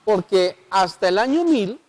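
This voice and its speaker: A man's voice: high-pitched, animated, measured pace, a little mellow. A man with a Colombian accent, a pastor explaining the Bible on local television, who often puts rhetorical questions to his listeners. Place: local TV studio.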